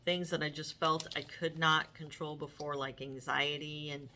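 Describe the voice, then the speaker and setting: A woman's voice: deep voice, flat delivery, moderate pace, bright, forceful tone, a little hiss or hum. A middle-aged woman hosting her own vlog, talking casually to viewers with many fillers and restarts. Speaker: vlog host. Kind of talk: casual talk to camera.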